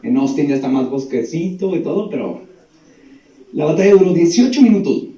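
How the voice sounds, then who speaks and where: A man's voice: on the high side, animated, fairly quick, dark tone. A young man with a Mexican Spanish accent who hosts a history reaction video, retelling events casually with slang and jokes. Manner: slangy, jokey, retells history between quips. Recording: roomy, from a distance.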